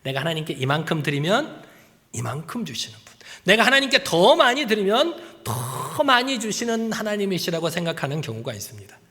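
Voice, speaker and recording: A man preaching a sermon as pastor, acting out quoted voices and sometimes dropping to a soft near-whisper. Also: sits high, sing-song, fairly quick. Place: church sanctuary. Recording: church hall with long reverb.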